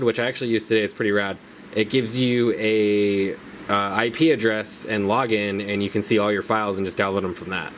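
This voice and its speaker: With a fairly low voice, a man acting as a motovlogger walks through a gear tutorial in a relaxed, laid-back way. He talks informally and uses plenty of slang, and there's slight background noise.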